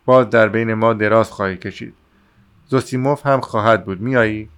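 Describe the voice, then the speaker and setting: A man reading the lines of an exasperated young man who shouts at and scolds his friend. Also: on the low side, steady tone, smooth, lightly acted. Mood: scolding.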